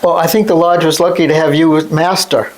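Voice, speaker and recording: A man's voice: on the high side, fairly even intonation, fast talker, low-quality recording. A man interviewing a fellow lodge member, asking brief, plain questions. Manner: brief questions and soft encouragements. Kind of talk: casual oral-history interview.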